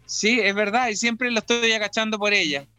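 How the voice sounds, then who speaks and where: A man's voice: sits high, fairly even intonation, fairly quick, sharp tone, clear, resonant tone, no echo, faint music behind. A man hosting a casual radio chat in a studio, talkative and teasing, lecturing at length. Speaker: radio host.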